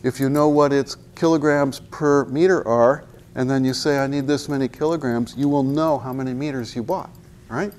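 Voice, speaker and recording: Fairly even in intonation and moderate in pace, this medium-pitched, darkish male voice comes from a man in his sixties teaching university physics in a large hall. He wears a lapel mic, jokes, asks rhetorical questions, and walks to the chalkboard to point at it as he speaks.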